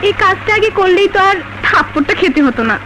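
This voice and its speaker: A woman's voice: very high voice, lively intonation, quick pace, background noise. An actress playing a haughty, bossy young rich woman who scolds imperiously in melodramatic film style, mixing in English commands. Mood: angry, commanding. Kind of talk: melodramatic Bangla film acting.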